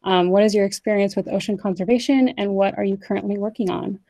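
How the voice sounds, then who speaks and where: Young woman reading bios, mellow voice. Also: medium pitch, steady tone, gravelly, dry recording, poor audio. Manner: measured, scripted reading. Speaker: panel moderator. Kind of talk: reading speaker bios on a video call. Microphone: video call.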